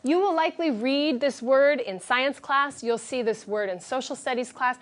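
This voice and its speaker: A woman with a high, light voice teaches a vocabulary lesson in a classroom. She speaks clearly and directively, guiding students step by step and praising them often. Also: normal speed.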